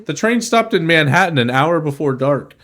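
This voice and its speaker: A man's voice: fairly high pitch, animated, normal speed, a bit bright. A man hosting a comedy podcast, reading a fan story aloud and breaking in with sardonic asides. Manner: sardonic asides, laughing interruptions. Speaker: podcast host.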